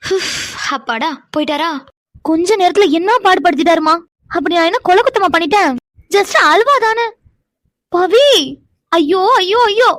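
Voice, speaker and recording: A woman's voice: very high-pitched, a little fast, a bit bright, dry recording, clean studio sound. A woman voicing a shy, easily embarrassed young wife in a cartoon, fretful and exclamatory, stammering when bashful. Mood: flustered. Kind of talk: animated cartoon voice acting.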